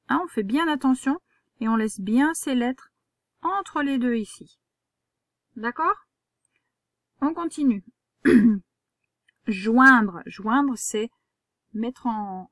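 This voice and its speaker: A woman's voice: a little high, no room sound, studio quality. A woman, a primary school teacher giving a patient, step-by-step handwriting lesson to a young child.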